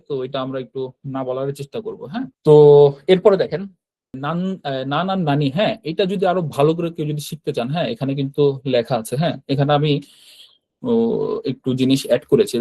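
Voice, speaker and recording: A man teaching a grammar lesson at a brisk clip, talking in a fairly high voice. He explains patiently and keeps checking that his listeners follow. The sound is close and dry, with no room echo. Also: darkish tone. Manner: explanatory, checks understanding with frequent tag questions. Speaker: Japanese language teacher. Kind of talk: classroom-style grammar lesson.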